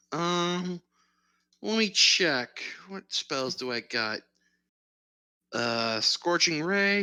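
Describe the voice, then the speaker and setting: A player in a tabletop game who thinks aloud, musing slowly through options in casual chat. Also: mid-range voice, bright, forceful tone, clean tone.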